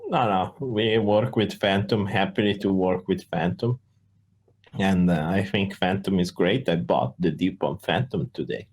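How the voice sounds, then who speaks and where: A man's voice: low-pitched, a little slow, darkish tone, breathy edge. A man with an Italian accent hosting a casual community Q&A over a voice call, talking easily with frequent "uh" fillers. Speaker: project founder hosting a community Q&A. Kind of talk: casual voice-chat Q&A.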